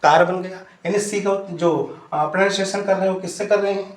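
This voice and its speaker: High-voiced male teacher in an echoey room. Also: fairly even intonation, fairly quick. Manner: asks questions and answers them himself, repeats points; addresses students fondly. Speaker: English teacher. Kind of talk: classroom-style lesson.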